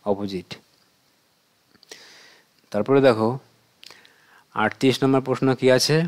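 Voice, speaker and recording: A man with a Bengali accent explaining exam questions to children, asking questions and then answering them himself in a patient, steady way. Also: medium pitch, slow. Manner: patient, asks and answers his own questions. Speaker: teacher.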